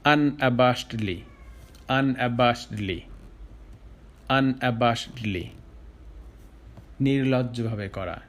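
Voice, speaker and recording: A man's voice: medium pitch, takes it slowly, pauses often, fairly bright tone. A male English teacher giving a vocabulary lesson, saying each English word over several times and then explaining it. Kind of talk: slow vocabulary drill lesson.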